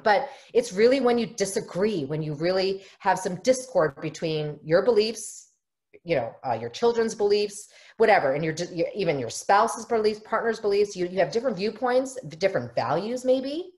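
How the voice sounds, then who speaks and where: A middle-aged family therapist from the United States presents an online workshop via webcam from a home office. Earnest and explanatory, she often acts out quoted voices in a medium-pitched, expressive voice with a darkish tone, moving at a moderate pace.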